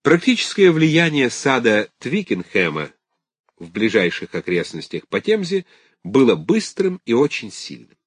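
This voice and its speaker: A man reading a scholarly text on garden art aloud, in a measured, lecture-like way. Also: medium pitch, wildly swooping pitch, no room sound, clean studio sound. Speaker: audiobook narrator.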